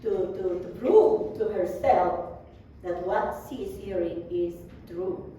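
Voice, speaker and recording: Female preacher, slow and mellow, halting delivery; distant mic, big echo. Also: fairly low pitch. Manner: slow, halting with many fillers and restarts. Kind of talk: sermon. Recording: distant echoey room with faint background noise.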